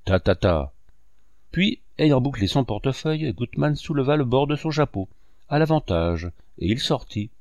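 A man narrating a classic novel in a measured, inflected reading voice. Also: medium pitch, no echo, highs cut off. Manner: measured, with lively rising and falling inflection. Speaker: audiobook narrator.

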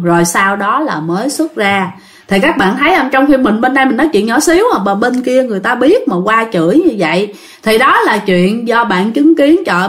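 A woman's voice: medium pitch, a bit bright. A woman hosting a ghost story channel, chatting to listeners and sounding a bit tired. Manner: chatty, addresses listeners directly.

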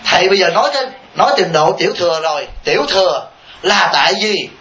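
Animated monk teaching. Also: male voice, high-pitched, fast talker. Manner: animated storytelling, chuckling asides, rhetorical checks with the audience. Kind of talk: dharma talk answering questions. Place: temple hall with listeners. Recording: echoey, dull lo-fi hall recording with faint hiss.

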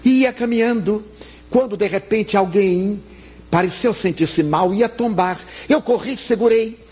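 A Brazilian man with a Brazilian Portuguese accent giving a spiritist lecture, telling an anecdote in an animated way with acted-out dialogue. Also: high voice, unhurried, slightly rough. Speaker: spiritist speaker. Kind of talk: storytelling lecture.

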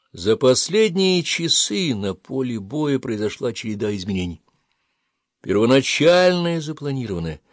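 A man narrating a fantasy audiobook in a steady, even reading voice. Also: mid-range voice, dry recording.

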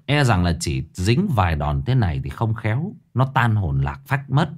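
A man narrating a spooky folk tale in an expressive, lively way. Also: fairly low pitch, normal speed. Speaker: storyteller.

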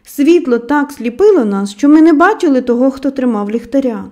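A woman with a high-pitched, lively voice tells an audiobook story at a measured pace. Her phrases tend to end with a soft downward fall.

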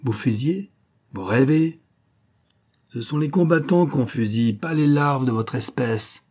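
A man's voice: medium pitch, brisk, warm tone, lightly acted. A man playing a barking German officer. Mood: contemptuous. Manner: barking, mocking, with German exclamations. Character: cruel, sneering German SS lieutenant.

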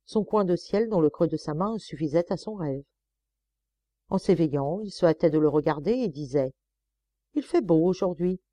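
A woman reading a short story aloud as an audiobook, measured and expressive. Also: low-pitched, no echo. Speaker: audiobook reader. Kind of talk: scripted narration.

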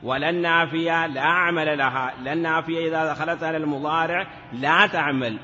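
A man's voice: fairly high pitch, steady tone, fairly quick, bright, forceful tone, in a large hall, lo-fi sound, slight background noise. A man teaching a grammar lesson in a classroom, asking questions and answering them himself, sometimes drawing words out in a chanting lilt. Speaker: teacher of Arabic morphology. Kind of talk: classroom lecture.

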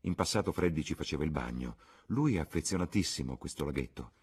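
A man voicing a candid, dreamy young English woman in an audiobook, raising his voice lighter and higher for her. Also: animated, quick pace, slightly rough, exaggerated voice.

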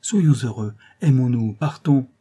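A man's voice: mid-range voice, lively intonation, a little slow, mellow, breathy edge. A man voicing a passionate, desperate young nobleman in a story reading, pleading in a raised voice. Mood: fervent.

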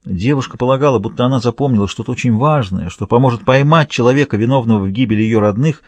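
A man narrating a thriller audiobook in a measured, even reading. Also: mid-range voice, no echo. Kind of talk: scripted narration.

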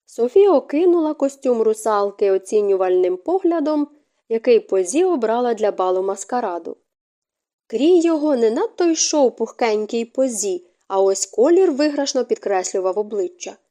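A woman narrating an audiobook in an expressive storytelling manner. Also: on the high side, normal speed.

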